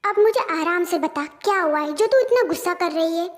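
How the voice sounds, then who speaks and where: A woman's voice: very high voice, animated, brisk. A woman voicing a sweet, funny, curious young female best friend in an audio story, coaxing and asking questions. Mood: soothing. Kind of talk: Hindi fan-dub audio story.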